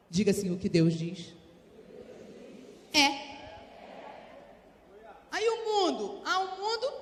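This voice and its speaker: A woman's voice: fairly high pitch, slight background noise. Woman preaching in an echoey church. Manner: lively preaching, calls on the crowd to answer. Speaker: pastor. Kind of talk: sermon. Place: large church hall. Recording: echoey church hall with long reverb.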